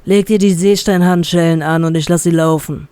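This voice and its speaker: A man's voice: a little high, fairly even intonation, a little fast, warm tone, clear, resonant tone, dry recording, close to an everyday voice. A man voicing a greedy, scheming pirate captain who makes cold, calculating threats in an audio story. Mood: menacing.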